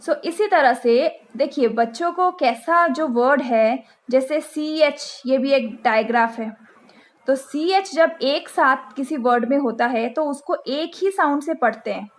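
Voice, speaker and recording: Slow high-voiced Indian woman teaching. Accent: Indian English. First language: Hindi. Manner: slow, spells letters aloud and repeats sounds. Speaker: teacher, channel host. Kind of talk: phonics lesson for parents.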